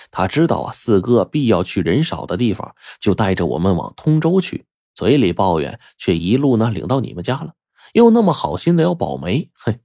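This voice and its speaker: A man's voice: mid-range voice, creaky, a little mellow, husky, no room sound, clean studio sound, voice pushed up, full character voice. A man voicing a shrewd, jovial young prince who confides his schemes with chuckles. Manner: laughing, confiding, playful.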